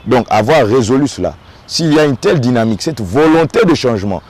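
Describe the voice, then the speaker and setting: A man with a Congolese French accent gives earnest, measured commentary in an interview. His voice sits at a middle pitch, and he often stalls by repeating short words before pressing on with his point. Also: animated, a little mellow. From Democratic Republic of the Congo. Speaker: local notable interviewed. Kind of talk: on-site interview, political commentary.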